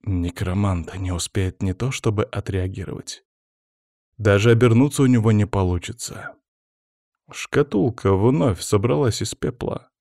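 A man narrating a fantasy audiobook in the first person, in an even, measured storytelling manner. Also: on the low side, creaky, dry recording, clean studio sound.

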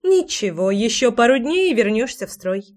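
A woman's voice: a little high, very animated, moderate pace, a little mellow. A woman voicing a playful, curious young woman who coaxes and teases in an audiobook scene. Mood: teasing. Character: lively teasing young woman, curious meddler.

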